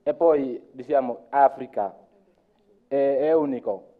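A man from Kenya with a Kenyan accent, talking informally at a conference in a halting way, searching for words and acting out what others said. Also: medium pitch. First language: Luo. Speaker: conference speaker. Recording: tinny phone-like sound.

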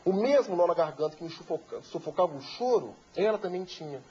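This Belo Horizonte native, a talk show guest, recounts an emotional tale and performs each quoted voice with vivid flair. His expressive, mellow voice sits high and moves fairly quickly, captured in dull lo-fi TV audio with a little hiss or hum.

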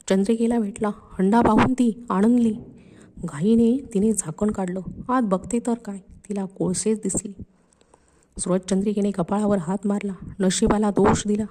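A woman narrating a devotional folk story slowly and expressively, voicing the characters' lines herself. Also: medium pitch. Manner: slow, expressive reading with voiced dialogue.

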